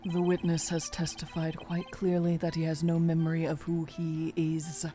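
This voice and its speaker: Woman as a haughty, low-toned male prosecutor. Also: completely flat delivery, moderate pace, dark tone, lightly acted. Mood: smug. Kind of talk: amateur video game voice-over. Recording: music behind.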